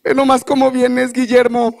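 A Mexican man voicing a furious wife who scolds her drunk husband in a high, shrill voice. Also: completely flat delivery, normal speed, gravelly, a little mellow. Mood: scolding. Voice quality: high shrill put-on woman's voice.

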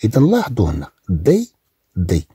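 A man with a Moroccan accent teaching French pronunciation, repeating words slowly and drawing them out. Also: fairly low pitch, huge pitch swings, dark tone, breathy edge, dry recording, clean studio sound. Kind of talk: recorded language lesson.

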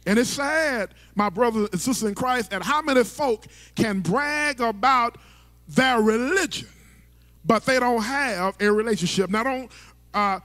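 In a church hall with long reverb, a middle-aged male pastor preaches a sermon from the stage into a handheld mic. His voice is very high and fairly bright, and he speaks unhurriedly in rhythmic, sing-song phrases broken by stammering restarts.

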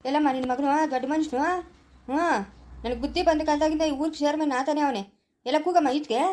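Lady doing an angry village dad yelling accusations, high mellow voice, fast. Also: fairly even intonation, natural voice. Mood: accusing. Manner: shouting, accusing. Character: angry middle-aged village father. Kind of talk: village family skit acting.

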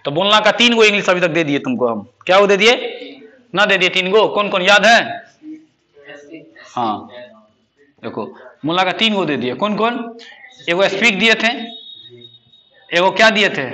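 Bright, high-voiced teacher quizzing a class. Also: male voice, animated, moderate pace, long pauses. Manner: quizzing students with repeated questions. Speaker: spoken English teacher. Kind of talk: classroom lesson.

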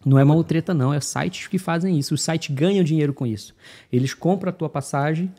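A man's voice: fairly high pitch, fast talker, dark tone. A man with a Brazilian accent telling a story casually on a podcast, animatedly acting out the dialogue with the officials. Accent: Brazilian Portuguese. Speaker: guest telling his migration story.

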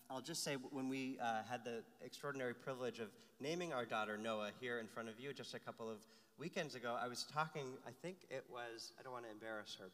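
Rabbi preaching in a reverberant sanctuary. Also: male voice, mid-range voice, a bit bright. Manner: explains texts aloud, often asks "right?", some restarts. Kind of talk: sermon teaching from a text. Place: large synagogue sanctuary. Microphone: lectern microphone, filmed by a far camera. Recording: long hall reverb from a large sanctuary.

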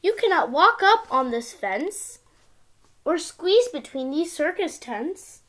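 High-pitched young girl reading to little kids. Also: sing-song, takes it slowly, a bit bright. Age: child, around ten. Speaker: young video channel host reading a picture book. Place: small indoor room at home.

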